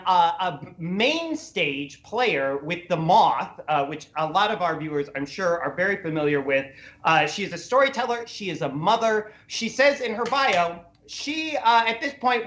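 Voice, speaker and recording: A man's voice: high-pitched, a bit bright. A man from Minnesota hosting a comedy panel, upbeat and chatty with many fillers. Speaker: host. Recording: roomy echoey sound.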